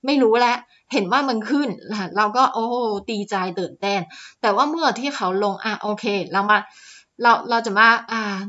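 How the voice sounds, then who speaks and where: Her voice a little high, pushed and bright, a woman walks viewers through stock charts in a screen-share voice-over. She teaches chattily, using many fillers and polite particles, and the audio is dull.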